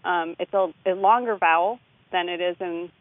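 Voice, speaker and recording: A woman's voice: on the low side, normal speed, no echo. A woman linguist giving expert commentary, analytically explaining pronunciation step by step. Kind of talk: expert commentary on speech samples. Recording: tinny phone line.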